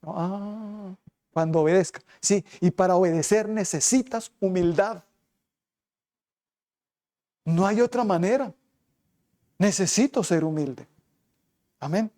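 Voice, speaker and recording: A man preaching as a pastor, emphatic, pressing his flock with rhetorical questions and moving between quick and slow passages. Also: sits high, dark tone. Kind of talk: sermon.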